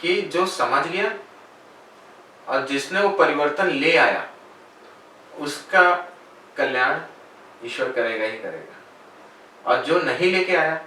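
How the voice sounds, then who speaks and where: A man who works as a spiritual guide and meditation teacher, giving calm, measured answers in an interview. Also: on the high side. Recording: very echoey room, voice far from mic, faint noise.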